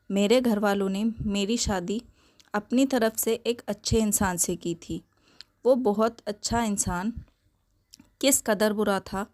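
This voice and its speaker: Woman, storyteller, scripted first-person narration, very slow pace, emotional delivery. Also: mid-range voice, darkish tone.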